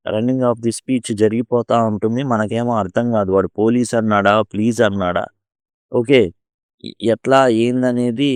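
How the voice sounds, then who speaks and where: A man explaining an English lesson, slowing down and stretching example words to show how they sound. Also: medium pitch, a little mellow, no room sound, studio quality. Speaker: English lecturer.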